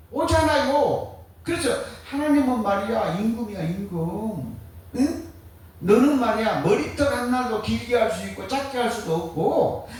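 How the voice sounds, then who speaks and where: A man preaching a sermon as pastor, firing rhetorical questions and answering them in a colloquial, joking way. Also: high-pitched. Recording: very echoey, distant mic.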